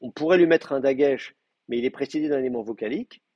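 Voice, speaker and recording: Man, teacher, hesitant explanations, husky tone, dry close sound. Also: medium pitch, fast, no room sound, highs cut off. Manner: explanatory, frequent hesitations and fillers. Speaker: Hebrew teacher. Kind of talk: live class lecture.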